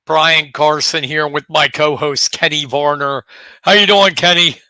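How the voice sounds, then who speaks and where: A man's voice: on the high side, steady tone, measured pace, pushed and bright, no echo. A man in his late fifties co-hosting a casual sports talk show, chatty and joking with rhetorical questions. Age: 50s. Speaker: co-host.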